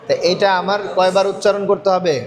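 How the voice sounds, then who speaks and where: A man's voice: sits high, level tone, fast, a crowd in the background. A man teaching a Quran reading class, asking his students questions and repeating their answers. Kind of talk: classroom lesson.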